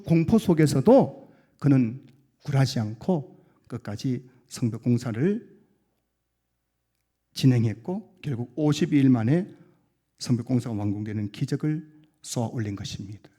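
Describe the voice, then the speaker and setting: A man pastor preaching a sermon earnestly, swelling into loud emphatic peaks and dropping low and quiet to close his sentences.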